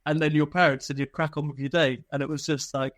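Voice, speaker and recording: Speaking quickly with a flat delivery, this man has a slightly high, fairly bright voice. He's a former soldier guesting on an interview, trading informal personal anecdotes full of profanity and frequent laughs.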